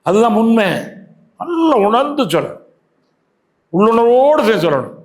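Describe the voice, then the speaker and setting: High-pitched guy with a tamil nadu accent giving a yoga class talk, keeps asking the room questions. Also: sing-song, darkish tone. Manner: asks the audience questions, repeats phrases; recites verses slowly. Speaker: yoga teacher.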